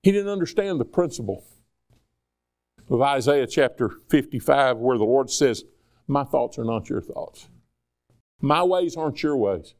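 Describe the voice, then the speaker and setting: A man preaching a sermon in a conversational, animated way, asking the congregation rhetorical questions. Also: mid-range voice, unhurried, long pauses.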